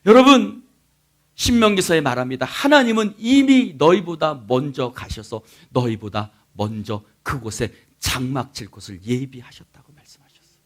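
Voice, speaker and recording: A middle-aged male pastor preaching a sermon, telling a story with sudden drops to whispers and rising shouts. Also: mid-range voice, lively intonation, moderate pace.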